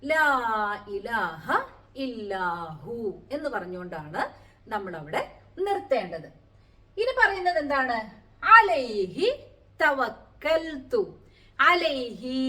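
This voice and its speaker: A woman teaching the meaning of Quranic prayers word by word, explaining slowly and asking rhetorical questions. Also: high voice, a bit bright. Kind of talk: Quranic Arabic lesson.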